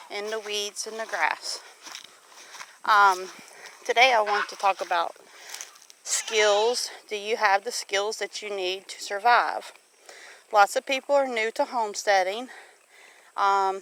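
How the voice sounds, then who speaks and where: A Southern-accented, middle-aged woman who vlogs as a homesteader chats casually outside near her farm animals, folksy and given to addressing questions to the audience. Her voice is mid-range with a fairly bright tone. The low-quality recording carries a little hiss or hum.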